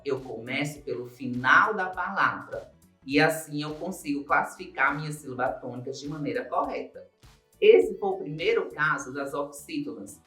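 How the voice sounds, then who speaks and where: This male Portuguese teacher has a Brazilian Portuguese accent and a sharp-toned voice on the high side. His recorded grammar lesson goes slowly and step by step, with key points repeated and stressed words lengthened. Faint music plays under a roomy echo.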